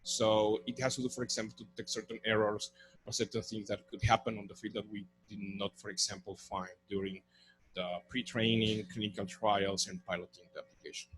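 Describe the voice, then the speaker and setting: A man's voice: lowish voice, little pitch movement, fairly quick, fairly bright tone, faint music behind, poor audio. A man presenting at a conference, answering audience questions in a technical, explanatory way.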